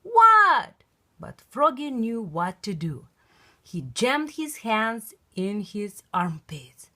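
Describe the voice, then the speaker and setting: A woman with a mid-range voice reads a children's picture book aloud at a slow pace. She tells the story expressively and with emphasis.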